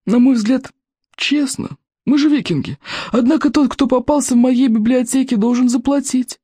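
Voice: sits high, mellow, no echo, clean studio sound, pitched above the performer's own voice. A reader voicing a crazed, scrawny old male librarian who screeches and hisses his words in a storybook reading. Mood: ranting, threatening. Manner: screeching, hissing, creaky. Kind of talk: audiobook character voice.

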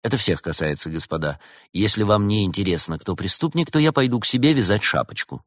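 A poised, unruffled storybook innkeeper woman who answers calmly and politely, as a man puts her on. The voice sits a little higher than his own and moves expressively. Dry, close recording. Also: fairly quick, no room sound. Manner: calm, composed. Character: calm female innkeeper, composed and polite.

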